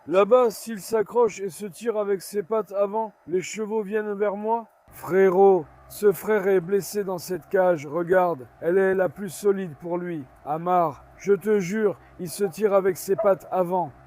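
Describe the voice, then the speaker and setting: A man filming a casual vlog at his farm, coaxing and calming his dogs while chatting to viewers. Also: high-pitched, measured pace, few pauses. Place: farmyard outdoors.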